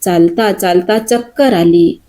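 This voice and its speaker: A woman narrating a story in a deliberate, dramatic storytelling manner. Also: lowish voice, warm tone.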